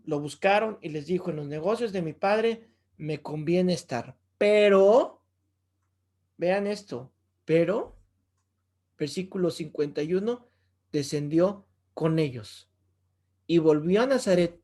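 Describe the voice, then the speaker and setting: A man with a Mexican accent, a pastor teaching a Bible lesson with lively stories and rhetorical questions to the audience. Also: sits high. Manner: jokes and chuckles while telling stories.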